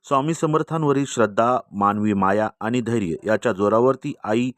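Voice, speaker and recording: A man narrating a scripted devotional story in an earnest, measured way. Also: mid-range voice, fairly bright tone, no room sound.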